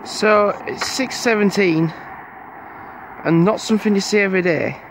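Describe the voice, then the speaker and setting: Young man, fairly high voice, rambling walk-and-talk vlog, faint street hum behind. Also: moderate pace. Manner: rambling, chatty, talks to the camera while walking. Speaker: vlogger. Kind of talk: casual walking vlog. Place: outdoors on a quiet street before dawn.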